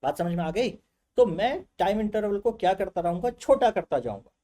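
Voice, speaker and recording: Man, physics teacher, lecture, animated, rhetorical questions, fairly high voice. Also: brisk. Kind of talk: classroom lecture.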